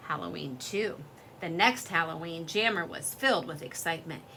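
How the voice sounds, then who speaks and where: A woman reading a children's story aloud in an expressive, lively storytelling way. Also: fairly low pitch, moderate pace, slight background noise.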